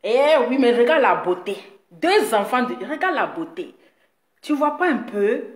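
A woman talking straight to her viewers in a boastful, mocking rant, teasing her critic with drawn-out words and frequent laughs. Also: fairly high pitch, big pitch swings. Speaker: video blogger addressing her audience. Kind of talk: boastful direct-to-camera rant. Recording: echoey room.

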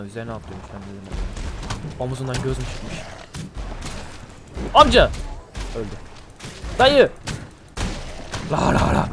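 Man, blocked nose, nasal voice, casual game commentary, frequent swearing, loud game music and gunfire behind. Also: mid-range voice. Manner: swearing, excitable outbursts at the game. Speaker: gameplay commentator. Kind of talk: casual let's-play commentary.

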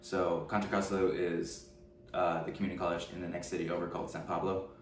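This documentary interviewee, a man in his twenties from Richmond, California, talks fast in a low, flat voice, hesitating with lots of fillers and restarts. He sits in a room at home. The camera mic is far away, leaving a roomy echo and a faint hum.

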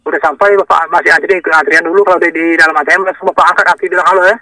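A man's voice: a little high, steady tone, rapid-fire, sharp tone, dry recording, far from the mic. A man on a phone call giving repetitive, insistent instructions and often checking that he is understood. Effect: heard over the phone. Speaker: phone scam caller.

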